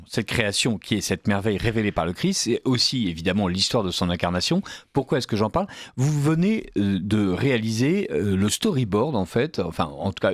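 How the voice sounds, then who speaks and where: A male radio host with a fairly low voice asks long, wandering questions, dotted with fillers. The studio sound is dry and close. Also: dry recording.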